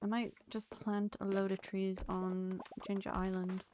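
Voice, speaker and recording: A woman's voice: medium pitch, level tone, unhurried, darkish tone, a little hiss or hum. A woman streaming a farming game, chatting casually to her viewers and her pets with jokey asides. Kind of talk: casual gameplay commentary.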